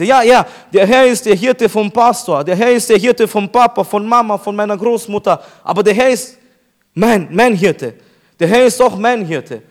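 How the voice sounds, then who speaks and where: A pastor preaching an emphatic sermon to his congregation, slowing down to repeat key phrases. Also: high voice.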